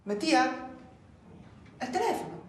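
A woman's voice: high-pitched, wildly swooping pitch, takes it slowly, exaggerated voice. A caring mother on the phone. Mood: solicitous. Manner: solicitous, calls out across the house. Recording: roomy film audio, voice from far off.

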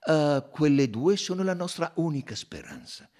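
A man's voice: fairly high pitch, animated, normal speed, darkish tone, voice pushed up, lightly acted. A man voicing a fussy little Belgian male detective who mutters and insists. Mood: puzzled, commanding.

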